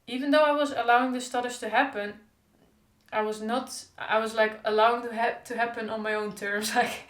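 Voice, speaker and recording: Speaking briskly in a steady, fairly bright voice on the high side, this young vlogger stutters openly, repeating sounds as she chats diary-style. The recording has an echoey room sound.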